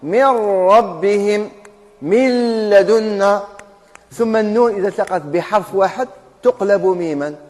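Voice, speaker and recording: A Quran recitation teacher with an Algerian Arabic accent runs a tajweed class, his voice fairly high for a man and somewhat dark in tone. He talks at a normal speed, repeatedly quizzing his students before laying out the rules himself, all under the long reverb of a mosque hall.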